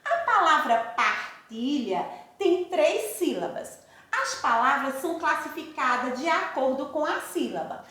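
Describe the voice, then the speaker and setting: A Brazilian woman teacher leads a recorded lesson for young children, her high voice rising and falling a great deal. She speaks slowly and affectionately in a sing-song way. The recording is very echoey, as if made in a bare room. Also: very animated, sharp tone. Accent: Brazilian Portuguese. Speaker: primary school teacher.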